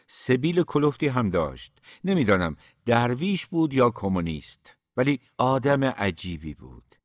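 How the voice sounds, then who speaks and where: A man's voice: medium pitch, big pitch swings, dry recording, clean studio sound, pitched above the performer's own voice, close to an everyday voice. A man reading an audiobook, voicing an easygoing older shopkeeper who talks in a reminiscing way.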